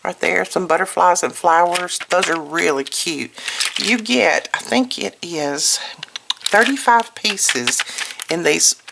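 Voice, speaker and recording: Recovering from being ill, this host's voice is hoarse and on the low side as she leisurely chats through a craft product video, commenting on each item in her hands. Crinkling paper and packaging and some clicks are clearly heard.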